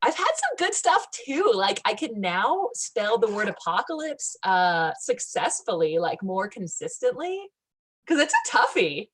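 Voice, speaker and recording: A woman's voice: medium pitch, sing-song, measured pace, slightly rough. Lady cohost doing dry ironic wellness bit, chill, lots of like and you know. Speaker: comedy show co-host. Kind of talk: deadpan satirical wellness chat.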